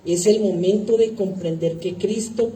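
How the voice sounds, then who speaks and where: Very dark-voiced woman reading devotionally, echoey. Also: mid-range voice, unhurried. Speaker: liturgical reader. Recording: echoey hall, distant mic, faint noise.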